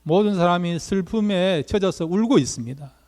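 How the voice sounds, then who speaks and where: A male pastor delivers a Sunday sermon in a fairly high voice, putting one rhetorical question after another to his congregation. His words ring out with a long reverb through the church hall. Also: moderate pace, darkish tone. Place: church sanctuary.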